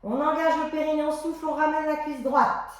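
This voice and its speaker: High-voiced woman coaching a floor class. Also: a little fast. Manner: calm step-by-step cues paced to the breath. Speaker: fitness instructor. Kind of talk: guiding a floor exercise class. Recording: very echoey exercise room.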